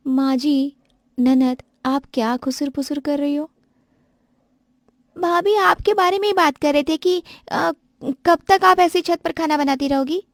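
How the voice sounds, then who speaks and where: A stubborn young village bride explains herself in a high, earnest voice, voiced by a woman for an animated family story. The recording is dry and close. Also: unhurried, no room sound.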